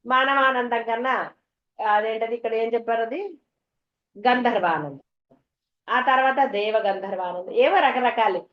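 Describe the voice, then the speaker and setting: A woman's voice: on the high side, normal speed, pauses often. A woman giving a devotional discourse to an audience, chatty and full of homely stories and questions to the listeners. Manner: conversational, tells homely anecdotes, asks the audience questions. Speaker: spiritual teacher. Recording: dull, echoey hall recording.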